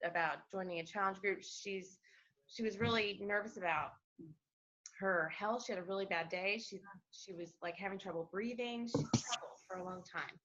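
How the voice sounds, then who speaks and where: A woman on a group call telling a story in a chatty, animated way, acting out what people said to her. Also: medium pitch, normal speed. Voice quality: chatty, animated storyteller who quotes others. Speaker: team member on a call. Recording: dull lo-fi call audio.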